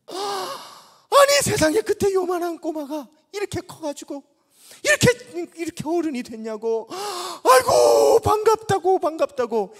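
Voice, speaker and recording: A man preaching voices an elderly male pastor who is emotional and fatherly, with drawn-out exclamations. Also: very high-pitched, very animated, fairly bright tone, voice pushed up, full character voice. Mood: overjoyed.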